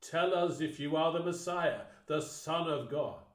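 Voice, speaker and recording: A man playing a stern, outraged high priest in a dramatised scripture reading, speaking in an accusing, forceful way. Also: measured pace, natural voice. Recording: echoey room.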